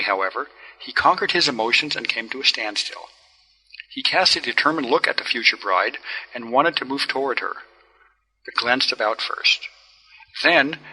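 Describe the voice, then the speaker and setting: A man narrating a classic story in the first person, in a measured, wry telling. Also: medium pitch, sharp tone, slightly rough, rough recording. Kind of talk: storybook reading.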